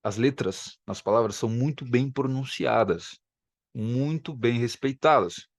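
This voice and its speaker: A man's voice: mid-range voice, measured pace, dry recording. A man teaches a language lesson at home, patiently repeating words to demonstrate sounds. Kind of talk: explanatory video lesson. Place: home room, filming himself. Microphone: camera facing him.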